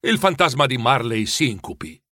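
A man reading a storybook aloud in a lively, expressive way. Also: mid-range voice, moderate pace, no room sound, studio quality. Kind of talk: storybook narration.

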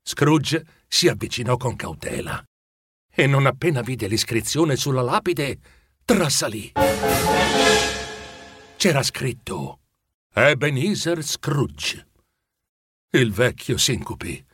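A man narrating a storybook in a dramatic, expressive way with a husky voice. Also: medium pitch, slow, pauses often, loud music behind the voice.

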